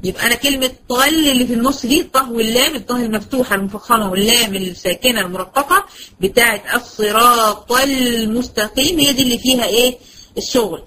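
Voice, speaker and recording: A woman with an Egyptian Arabic accent teaching Quran recitation, patient and slowing right down to spell out sounds. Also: on the high side, bright, forceful tone, a little hiss or hum, rough recording. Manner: patient, slows to a crawl when demonstrating words. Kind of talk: online Quran lesson.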